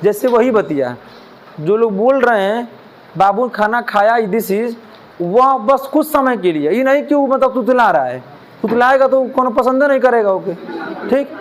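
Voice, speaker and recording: High-voiced man teaching a class. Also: lively intonation, a little slow, slight background noise. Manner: asks the class questions, jokes and mimics lisping children. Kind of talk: classroom lecture. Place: classroom with students.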